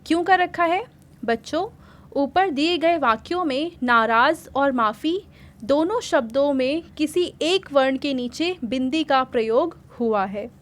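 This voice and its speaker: A woman with a high voice teaches a worksheet lesson to young children. She goes patiently step by step and keeps asking her pupils simple questions as she explains. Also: expressive, measured pace. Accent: Hindi.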